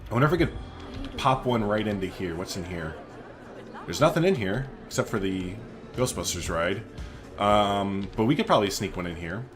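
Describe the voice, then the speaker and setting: Over music, a man hosts a gaming video, thinking aloud and chatting playfully as he plays in casual let's-play style. His voice is on the low side and expressive, at a moderate pace.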